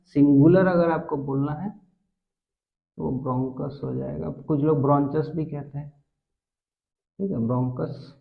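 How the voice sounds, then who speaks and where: A man with a somewhat high voice explains biology in a classroom lecture. He fires rhetorical questions, answers them, and checks that his students are following. The sound is thin and phone-like. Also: fairly even intonation, slow, creaky, long pauses. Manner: asks quiz questions and answers them himself; mixes English science terms into Hindi. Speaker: biology teacher.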